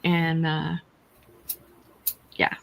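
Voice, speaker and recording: A woman's voice: deep voice, monotone, extremely slow, gravelly, fairly bright tone. A woman hosting a casual crochet livestream, chatting in a rambling way, speaking without her teeth in. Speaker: host of a crochet chat livestream.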